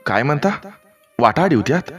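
A man voicing a brisk, prying market clerk who questions a farmer about his debts. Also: medium pitch, expressive, breathy edge, faint music behind, pitched above the performer's own voice. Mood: inquisitive. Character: middle-aged male market clerk, brisk and probing.

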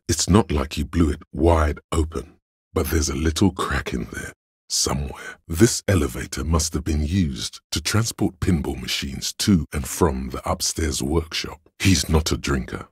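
An actor playing a cold, analytical inner voice of logic in a video game, deadpan, measured and condescending, with a deep gravelly, husky delivery. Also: male voice, no room sound, full character voice. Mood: dry, deductive. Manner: measured, deadpan, dry and matter-of-fact. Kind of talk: scripted second-person inner-voice narration.

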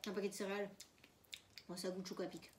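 A woman's voice: medium pitch, flat delivery, fast talker, slight background noise. A woman chatting casually on a food-tasting vlog, speaking with her mouth full. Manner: blunt, crude joking. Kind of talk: casual chat.

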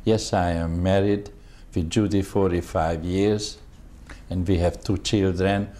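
Old hungarian guy in his 70s, super low mellow voice, talks slow and halting, lots of pauses hunting for words. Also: steady tone. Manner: halting, searching for words, polite. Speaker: veteran interviewee. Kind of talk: oral history interview.

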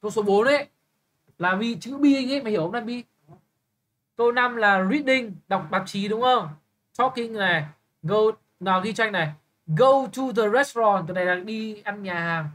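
A young man tutoring English, briskly quizzing a student with quick questions and blunt, teasing remarks. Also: high-pitched, fairly bright tone. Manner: brisk, keeps checking understanding with quick questions. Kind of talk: live tutoring lesson.

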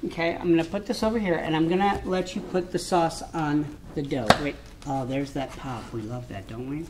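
Lady cohost cracking jokes while cooking, kinda low voice, bit of background hiss. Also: brisk. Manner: teasing, playful, prone to puns. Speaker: co-host of a cooking comedy show. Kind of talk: jokey scripted-feeling banter while cooking.

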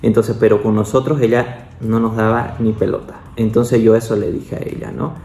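A young man with a low, warm voice, chatting casually as he recounts a story to the camera. His speech is loose and conversational, full of small tag questions and asides. The sound carries a roomy echo. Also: level tone, normal speed. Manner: chatty, peppers speech with "¿no?" and "o sea"; acts out quoted voices, with the pitch jumping up. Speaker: doctor.

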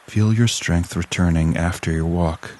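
A deep-voiced man reads a scripted guided relaxation, keeping his tone calm and soothing. He speaks in a measured way and lets long pauses sit between lines.

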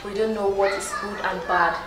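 A woman's voice: medium pitch, steady tone, brisk, reverberant. A woman guest on a TV panel discussion, giving earnest advice to parents. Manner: earnest, advising. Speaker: studio guest. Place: TV studio.

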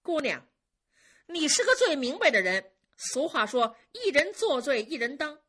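A woman's voice: high voice, sharp tone, pitched above the performer's own voice, exaggerated voice. A woman storyteller voicing a group of older female servants who talk in a fawning, ingratiating way.

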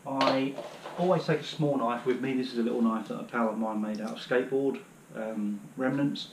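A British guy in his 30s kneels on the living room floor at home and chats through his hiking kit for his outdoor gear channel, rambling with lots of ums. His medium voice has fairly even intonation at a normal speed. The camera sits on the floor a few metres off, picking up roomy echo and some background noise.

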